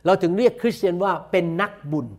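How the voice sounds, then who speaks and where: A man with a Thai accent preaching a sermon, saying each point in slow, deliberate English and then repeating it quickly in Thai. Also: sits high. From Thailand. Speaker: pastor. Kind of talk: bilingual sermon, self-translating.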